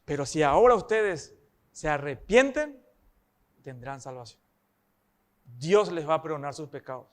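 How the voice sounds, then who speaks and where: A man's voice: fairly high pitch, animated, a little slow, long pauses. A man preaching a sermon, emphatic and often asking the congregation rhetorical questions.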